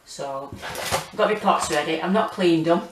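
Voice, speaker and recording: A British woman in her forties chatting casually and hesitantly as she gives a rambling home gardening tour, with a monotone, self-deprecating manner. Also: sits low, a little slow, background noise. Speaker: gardening vlogger. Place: small home kitchen and windowsill, indoors.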